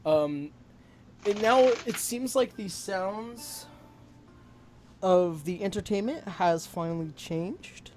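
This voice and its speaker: A man's voice: sits high, a little mellow, slight background noise. A man narrating a tabletop role-playing game as game master, hesitating often with ums and uhs. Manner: slow, halting narration full of ums and uhs.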